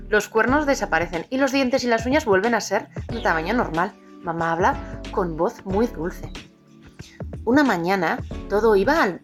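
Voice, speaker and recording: A woman co-hosting a parenting podcast, reading a children's story aloud with lively, expressive voices for the characters. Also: medium pitch. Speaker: podcast co-host. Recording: music playing faintly behind.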